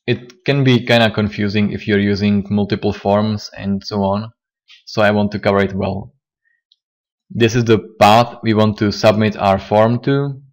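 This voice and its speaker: A man teaching a coding tutorial, a little hoarse and talking haltingly with fillers and restarts. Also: on the low side, steady tone. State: slightly hoarse, losing his voice. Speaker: programming tutor. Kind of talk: screen-recorded coding tutorial.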